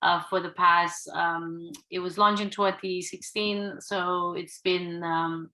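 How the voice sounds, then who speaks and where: Bright-voiced woman lecturing, halting. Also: on the low side, level tone, poor audio. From Indonesia. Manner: halting, many fillers. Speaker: conference speaker. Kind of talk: conference lecture.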